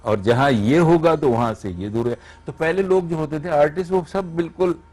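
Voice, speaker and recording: A man's voice: fairly high pitch, brisk, darkish tone. Teacherly man on a morning show. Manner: teacherly, explains step by step and checks understanding. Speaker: radio voice artist guest. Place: TV studio.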